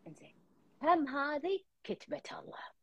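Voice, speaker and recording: On a counseling call-in chat, a female host with a Gulf Arabic accent speaks earnestly and repetitively to a caller, dropping in English fillers. Her high voice swings widely in pitch at a moderate pace, heard through dull, dry lo-fi audio.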